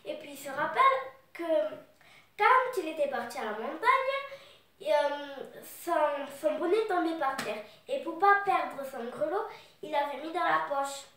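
Woman storyteller with a cold, halting, slow, high; distant mic, echoey room. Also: animated, fairly bright tone, slight background noise. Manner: loose, halting retelling with fillers. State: has a cold. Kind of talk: retelling and reading a children's book.

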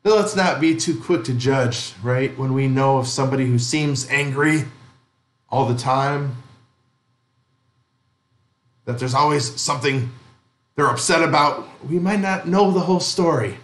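A man's voice: medium pitch, a little slow, long pauses. Guy pastor preaching, chatty and kinda funny, echoey church sound. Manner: conversational, gently humorous preaching with rhetorical questions. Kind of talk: sermon. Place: church sanctuary.

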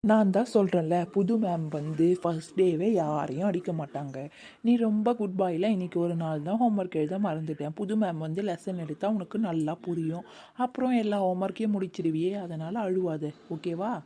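Woman voicing kind cartoon stranger, reassuring, coaxing, low, very mellow. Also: a little fast, close to an everyday voice. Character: kind stranger comforting a boy, man.

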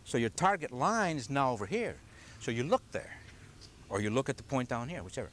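A man's voice: mid-range voice, very animated, fairly quick, fairly bright tone, a little hiss or hum. An older man teaching a golf clinic outdoors, patiently asking the group questions as he explains. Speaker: golf instructor. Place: outdoors on a grassy driving range. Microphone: camcorder from a distance.

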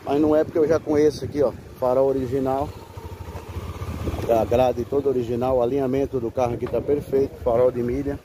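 A Brazilian car broker films himself with a handheld phone at an outdoor car fair lot, showing a pickup to viewers in a pitchy sales patter. He talks fairly quickly with fairly even intonation in this walkaround sales video. The outdoor phone audio carries background noise.

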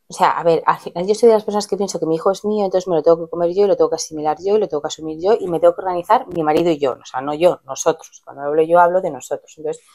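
A woman's voice: on the low side, darkish tone. A woman, chatting casually to camera in a rambling way, acting out what others said. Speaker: vlogger.

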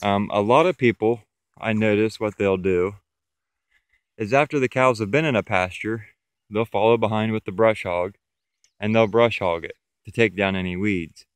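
A farmer talks his way across an open pasture in a low, clear voice. His manner is plain and matter-of-fact, like a practical walk-through. The sound is dry and close on the handheld camera. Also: normal speed, dry recording. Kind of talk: walking field tour, explaining. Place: outdoors in a pasture. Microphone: camera held while walking.

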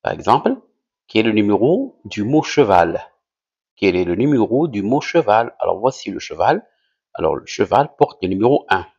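A man giving a slow primary-school vocabulary lesson, repeating each word with careful, over-articulated pronunciation. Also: lowish voice, a little mellow, slightly rough, highs cut off. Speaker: teacher.

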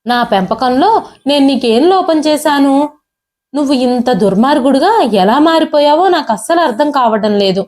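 A woman's voice: high-pitched, expressive, moderate pace, darkish tone. A woman voicing a desperate elderly retired father who tearfully pleads with his son. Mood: grieving.

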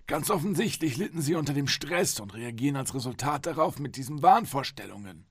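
A smug police psychologist in his forties talks down calmly and slowly in a storybook reading, as a male reader plays him. His voice sits higher than the reader's own and has a lively pitch. The room is dry. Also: husky, no echo. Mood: patronizing. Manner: condescending, calm and slow. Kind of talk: audiobook reading.

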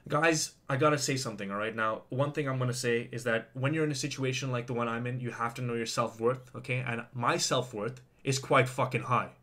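Speaking brisk and with hardly any pauses, this man has a medium-pitched, slightly bright voice and fairly even intonation. In his confessional vlog he vents angrily to the camera, swears a lot, repeats himself, and addresses viewers directly.

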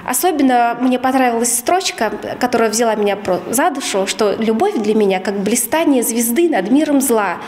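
A woman's voice: fairly high pitch, animated, moderate pace, hardly any pauses, darkish tone. A young woman giving spontaneous, hesitant interview remarks as an event participant. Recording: faint background noise.

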